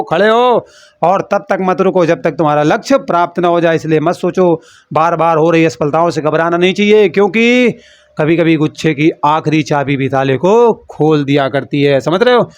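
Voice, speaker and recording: A man's voice: fairly high pitch, dry recording. A man teaching a lesson for an exam, explaining in a playful, teasing way and calling the students "beta".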